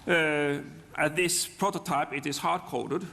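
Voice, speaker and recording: A man with a Norwegian accent, a native Norwegian speaker giving a technical software demonstration, haltingly, often repeating words and restarting. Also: on the high side, gravelly. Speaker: software presenter. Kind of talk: live technical demonstration talk. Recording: long hall reverb.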